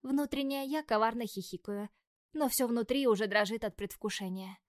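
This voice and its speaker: A woman narrating a first-person audiobook in a lively, expressive reading, dropping now and then to breathy whispers. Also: fairly high pitch, normal speed, no room sound, studio quality.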